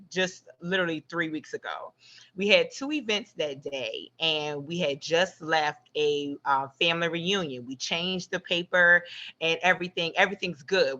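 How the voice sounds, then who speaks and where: A woman's voice: lowish voice, sharp tone. A woman who runs a photo booth business, telling a story expressively on a video call panel. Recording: slightly muffled call audio.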